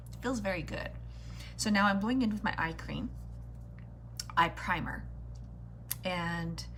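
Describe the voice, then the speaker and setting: A woman's voice: medium pitch, a bit bright, slight background noise. A woman hosting a live beauty vlog, talking casually and directly to her viewers as she does her makeup. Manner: chatty, addressing viewers directly with greetings and endearments. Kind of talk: casual livestream chat while doing makeup.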